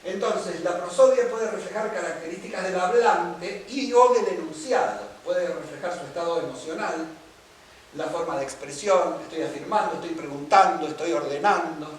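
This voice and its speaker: A man's voice: on the high side, normal speed, slight background noise. A man from Argentina giving a seminar lecture on music, explaining points and checking that listeners follow. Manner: explanatory, asks listeners for agreement. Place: lecture room. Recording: echoey room, mic far off.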